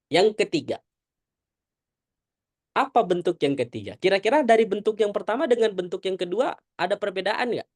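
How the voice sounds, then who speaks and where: Woman, recitation teacher, low voice, animated, checks understanding often, video call, dry. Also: no room sound. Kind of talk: online tajwid lesson.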